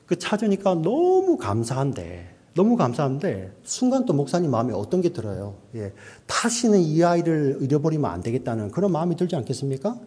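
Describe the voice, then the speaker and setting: A male pastor delivering a sermon, often checking in with the congregation and moving between a raised voice and a hushed near-whisper. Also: on the high side, wildly swooping pitch, brisk, hardly any pauses, breathy edge. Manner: preaching with frequent "yes" and "right?" asides to the congregation.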